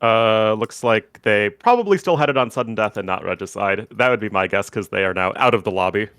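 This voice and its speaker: A man co-casting a strategy game tournament in a relaxed, chatty way, laughing often. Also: on the low side, a little fast, clean tone, dry recording. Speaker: tournament co-caster. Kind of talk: casual game commentary.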